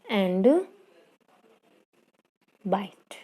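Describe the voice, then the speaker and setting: A woman's voice: mid-range voice, mellow, breathy edge. A woman teacher explaining an English poem lesson, asking her students questions and repeating key words. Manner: reads English lines slowly and carefully. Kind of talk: online class lesson in Hindi-English mix.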